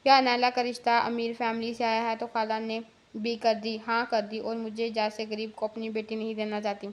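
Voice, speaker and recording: A woman's voice: fairly high pitch, completely flat delivery, moderate pace, natural voice. A woman voicing a clumsy, lovesick young man who pleads and complains to his friend, reading a story aloud. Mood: complaining.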